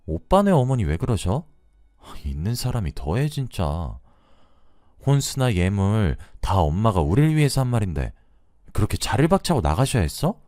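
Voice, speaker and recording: A man's voice: on the low side, big pitch swings, moderate pace, a little mellow, dry recording, clean studio sound. A man voicing a young bride who complains in an indignant way. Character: young bride siding with her mother.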